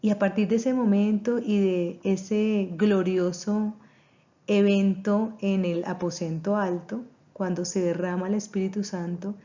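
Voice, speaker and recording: A woman's voice: medium pitch, fairly even intonation, measured pace, mellow, highs cut off. Earnest woman seminary teacher. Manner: earnest, preaching tone. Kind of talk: recorded class introduction.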